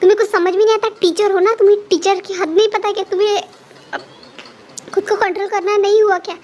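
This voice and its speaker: A woman voicing a hot-tempered young man who shouts accusations at his brother's teacher. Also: extremely high pitch, moderate pace. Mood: angry. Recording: faint background noise.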